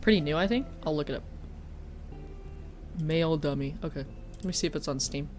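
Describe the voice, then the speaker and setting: A woman with a deep, slightly mellow voice talks fairly quickly over faint background music. She's a streamer and teacher chatting casually on stream, stuffy-nosed and sniffling, swearing and teasing herself.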